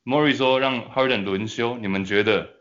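A man with a Taiwanese Mandarin accent hosting casual sports banter in a teasing way, quick to laugh. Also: mid-range voice, fairly bright tone, muffled recording. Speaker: host.

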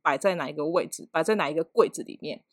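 A woman's voice: low-pitched, fast, no room sound, clean studio sound. A woman in her thirties with a Taiwanese Mandarin accent, telling an office story in casual chat and acting out scenes with sound effects. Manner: animated, acts out scenes with sound effects and laughter.

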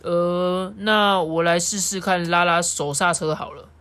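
A woman's voice: on the low side, fairly even intonation, measured pace, a bit bright. A woman voicing a boastful, carefree male inventor while reading a picture book aloud. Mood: flustered.

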